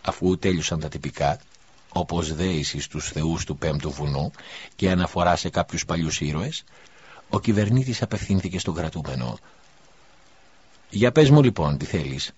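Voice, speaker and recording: A man narrates a story in an even, measured way. His deep voice has a husky grain to it. The recording is dull and lo-fi. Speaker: audiobook narrator. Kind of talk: scripted narration.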